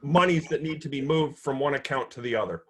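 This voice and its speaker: A man chairing a town board of finance meeting over a video call, speaking in a measured, steady way with frequent fillers. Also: medium pitch, breathy edge, rough recording. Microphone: computer mic on a video call.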